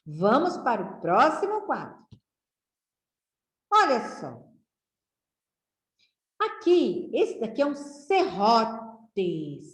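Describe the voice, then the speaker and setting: A woman teacher talks very slowly, stretching each syllable for young readers. Her voice is fairly high and swings widely in pitch as she checks in with the children. The room around her is echoey. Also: huge pitch swings. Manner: drawn-out syllables, frequent "né?" and "tá?" checks. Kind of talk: slow, patient reading lesson for children.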